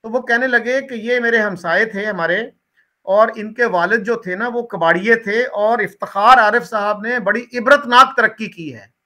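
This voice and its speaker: Bright-voiced man telling a story. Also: high voice, normal speed. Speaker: guest. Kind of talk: storytelling in conversation.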